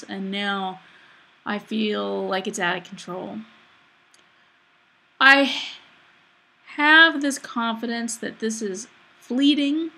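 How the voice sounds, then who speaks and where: A woman vlogger talking confessionally about herself, reflective and halting as she thinks aloud. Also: a little high, bright, forceful tone. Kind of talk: confessional personal vlog.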